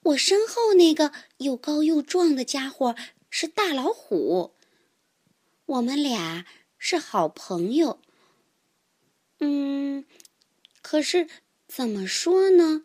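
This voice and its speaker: A woman telling a children's story in the first person, with expressive sighs. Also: sits high, takes it slowly, long pauses.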